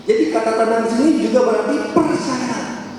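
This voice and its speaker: A man preaching a sermon as pastor, lively and full of rhetorical questions. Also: very high voice, moderate pace. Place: church hall. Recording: echoey church hall from far off.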